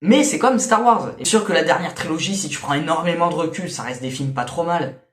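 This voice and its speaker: A man's voice: a little high, fairly quick, fairly bright tone. A man casually reviewing albums, hesitant and grumbly, full of fillers. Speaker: music reviewer. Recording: echoey room.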